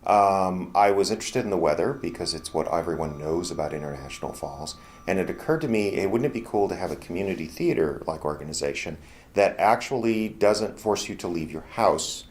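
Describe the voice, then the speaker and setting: A middle-aged American man who founded and organizes a radio theater talks in a casual promotional interview, explaining things in a thoughtful, conversational way. His voice is deep, expressive and a little mellow, and he speaks fairly quickly.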